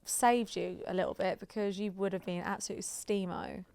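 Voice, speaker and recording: A woman's voice: mid-range voice, fairly even intonation, fairly quick, a little mellow, clean tone. A young woman, co-hosting a podcast and teasing her partner with dry remarks. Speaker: podcast co-host. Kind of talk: casual chat.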